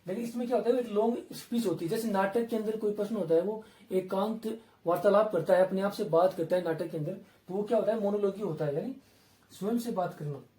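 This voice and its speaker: Male exam-prep tutor, Indian English accent, high mellow voice, repetitive drilling delivery, roomy recording from a distance. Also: fast talker. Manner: repetitive, asks and answers his own questions. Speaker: English vocabulary teacher.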